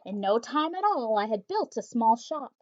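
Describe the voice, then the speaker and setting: A woman teacher reading a rhyming children's picture book aloud in a rhythmic, expressive way. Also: on the high side, normal speed. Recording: slightly dull lo-fi audio.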